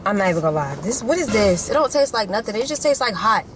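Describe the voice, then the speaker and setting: A woman's voice: medium pitch, sing-song, fast talker, very noisy. A young woman vlogging casually as a mom, blunt and playful, full of slang, talking to her viewers. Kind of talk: casual chat. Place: car and store. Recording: music playing under the voice.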